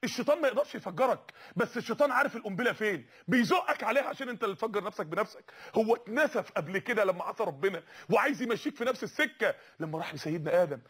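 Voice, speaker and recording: A man with an Egyptian Arabic accent preaching an impassioned sermon, pleading fervently with his listeners and rising to shouts. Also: high-pitched, expressive, rapid-fire, slightly rough.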